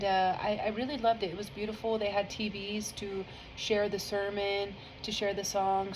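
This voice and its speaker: A woman's voice: mid-range voice, slight background noise, poor audio. A woman with a family, giving a casual spoken testimony about her faith in an earnest, rambling way, full of fillers and easily moved to tears. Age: adult with a family. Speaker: vlogger sharing a faith testimony.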